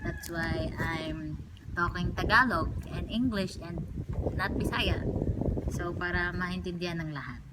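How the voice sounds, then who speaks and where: A young woman from the Philippines whose first language is Cebuano, chatting playfully in a vlog with a deep voice for a woman. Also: a little slow, very noisy. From Cagayan de Oro, Philippines. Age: young adult. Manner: chatty and playful, mixing Tagalog and English. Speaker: vlogger. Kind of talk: casual vlog chat.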